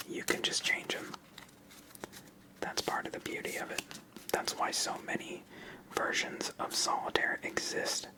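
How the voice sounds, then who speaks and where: The host of a card game channel whispers ASMR-style commentary, soft and unvoiced, over poor-quality audio.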